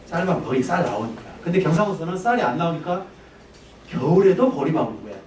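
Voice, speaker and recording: A man lecturing on history in a talkative, conversational way, putting questions to his listeners as he goes. His voice is on the high side and swings widely in pitch. He sounds a little distant in an echoey hall, with faint room noise behind him. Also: very animated, fast talker, darkish tone. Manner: conversational, poses questions to the audience.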